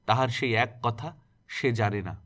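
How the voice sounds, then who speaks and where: A man reading a classic novel aloud as an expressive storyteller. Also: mid-range voice, a little slow. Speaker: story narrator.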